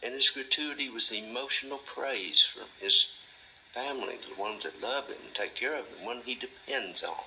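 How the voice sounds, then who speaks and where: A man hosting a monologue, talking slowly and deliberately in a drawling, folksy way. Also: creaky, pushed and bright, slight background noise, low-quality recording. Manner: drawling, folksy, mimics a delighted parent in a high voice; slow, deliberate delivery. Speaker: host. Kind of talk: monologue to camera.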